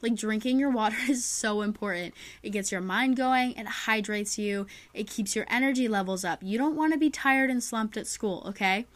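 A woman's voice: a little high, moderate pace, hardly any pauses, no room sound. A young woman hosting a podcast, giving chatty, upbeat advice in a casual way with lots of fillers. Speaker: podcast host.

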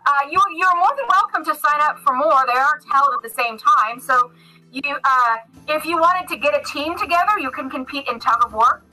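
A man's voice: extremely high pitch, animated, fairly quick, pushed and bright, faint music behind, exaggerated voice, rough recording. A woman voicing a large, friendly male centaur who organizes games, talking in an upbeat, welcoming way.

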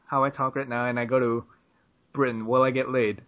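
A man's voice: medium pitch, flat delivery, a little fast. A man from the southern United States hosting a casual podcast chat, teasing his guests and joking around. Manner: jokey, teasing, swears and laughs often. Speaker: podcast host. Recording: muffled lo-fi audio.

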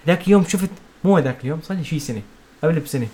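Quick, higher-pitched Syrian man chatting. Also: warm tone. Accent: Syrian Arabic. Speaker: podcast co-host. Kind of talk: casual podcast chat among friends.

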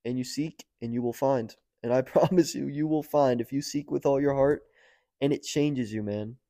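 A young man with an American accent telling a personal story in a casual podcast chat, filling his talk with "like" and "dude" and getting louder and more excited as it builds. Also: moderate pace, no room sound, clean studio sound. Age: young adult. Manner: animated, rising to near-shouting at high points, lots of "like" and "dude". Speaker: guest.

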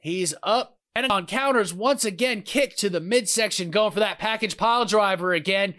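A man doing wrestling play-by-play commentary as a commentator, calling each move and exclaiming excitedly at the big ones. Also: sits high, moderate pace, no echo, clean studio sound.

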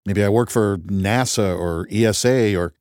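A man narrating an audiobook in the first person, measured and wry, as if thinking aloud. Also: on the low side, darkish tone, no echo, studio quality.

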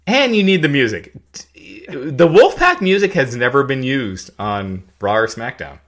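A man in his forties from Kentucky co-hosting a casual wrestling chat, excitable and laughing. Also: mid-range voice, unhurried. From Henderson, Kentucky. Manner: excitable, hums tunes, laughs. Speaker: podcast co-host.

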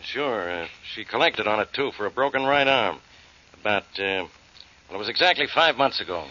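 An irritable police inspector in an old radio mystery. He is blunt and skeptical, with swooping, animated delivery and a bright edge. The sound is muffled and old. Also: lowish voice, moderate pace. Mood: pondering. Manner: blunt, sarcastic, combative. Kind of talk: 1940s radio acting. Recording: dull old radio recording.

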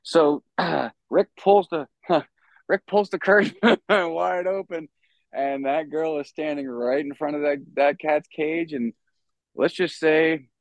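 As a podcast guest, this New Yorker, who works as a stagehand and musician, rambles through casual stories with plenty of fillers and offhand swearing. He speaks slowly in a fairly high, fairly even voice, and the audio is poor without echo.

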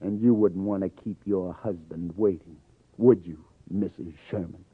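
A low, fairly even-toned voice at moderate pace belongs to an actor lightly playing a wry New police detective from a 1950s radio crime drama. The delivery is sardonic, clipped and tough-guy, with an accusing mood, heard through a tinny old broadcast with faint music.

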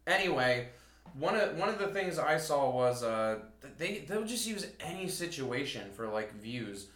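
A man's voice: on the high side, measured pace, roomy sound. A man co-hosting a podcast, telling stories in casual, profane chat and acting out quoted people. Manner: profane, animated storytelling with quoted voices. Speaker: podcast co-host.

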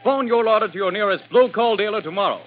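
A man's voice: high voice, fast talker. An American man announcing in a chipper, emphatic, formal salesman style, like an old-time radio advertisement. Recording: muffled vintage radio recording over music.

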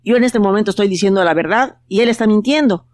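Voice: mid-range voice, quick pace, darkish tone, lightly acted. A storyteller voicing a young boy in a children's tale, protesting indignantly. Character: young boy caught telling lies.

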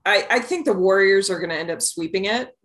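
A woman co-hosting a sports podcast, chatting casually and explaining her opinions in an informal, measured way. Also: medium pitch, fairly bright tone. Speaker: podcast co-host. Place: podcast studio.

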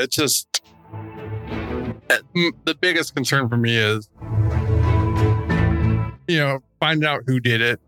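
A man co-hosting a podcast, giving opinionated conversational commentary in a frustrated, halting, emphatic way. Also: mid-range voice. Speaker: true crime podcast co-host.

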